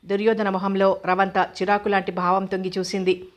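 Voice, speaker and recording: A woman narrating a novel aloud in a steady, even reading style. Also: medium pitch, fairly quick. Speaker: audiobook narrator.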